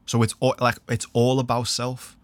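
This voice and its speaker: Male guest, average pitch, earnest casual explainer, very dry studio sound. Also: monotone, normal speed, no echo. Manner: earnest explainer, often checks "you know what I mean". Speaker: podcast guest. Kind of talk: casual, philosophical chat. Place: podcast studio.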